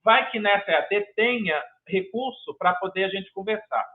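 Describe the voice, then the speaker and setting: A man's voice: high-pitched, moderate pace. A man with a Brazilian Portuguese accent, a master's candidate answering examiners at his project defense, talking in a rambling, hesitant way with many restarts, heard over a video call. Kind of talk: academic thesis defense answer. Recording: tinny video-call audio.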